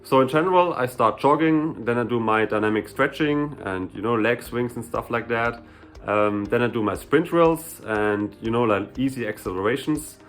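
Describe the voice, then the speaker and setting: This young German-accented athlete from Germany, who runs sprints and hurdles, chats easily through viewer questions in a casual vlog, peppering his answers with "you know" and "like." He speaks at a moderate pace in a mid-range voice.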